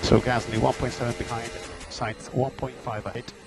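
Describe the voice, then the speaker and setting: Over team radio with music behind, a race engineer reads out gaps, lap times and instructions to his driver. His voice is medium-pitched and creaky, moving little in pitch at a normal speed.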